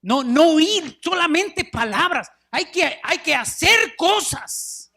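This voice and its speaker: Lively pastor preaching. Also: male voice, extremely high pitch, slow pace. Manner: animated storytelling, acts out wailing mourners; addresses listeners as brothers, drops in English words. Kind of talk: sermon. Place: church sanctuary.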